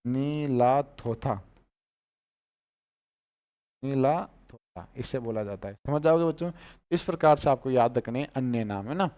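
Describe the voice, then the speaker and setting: A man's voice: medium pitch, lively intonation, moderate pace, a little mellow. A man with a Rajasthani Hindi accent teaching chemistry, repeating each name and quizzing his students on it. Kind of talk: chemistry class lecture.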